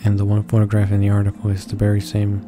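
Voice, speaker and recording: With soft game music in the background, this man talks fast in a fairly low, completely flat voice. He hosts a gaming channel and reads along with a visual novel haltingly, tripping over words, fixing mistakes and making casual asides.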